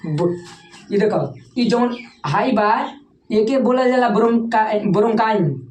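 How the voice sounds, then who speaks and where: A woman teacher with a Bhojpuri-tinged Hindi accent lectures a class in a slightly high voice. She repeats each key term and asks students to say it back. The recording has a roomy echo and a faint hiss of background noise. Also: expressive, slow, darkish tone. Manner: repeats key terms and quizzes students for answers.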